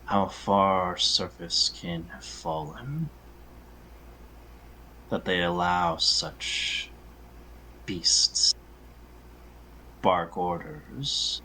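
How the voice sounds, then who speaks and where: A man's voice: sits low, pushed and bright, slight background noise, full character voice, rough recording. A man voicing a haughty, cold male elf noble who speaks with imperious disdain. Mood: disdainful. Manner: imperious, sighing, slow and disdainful.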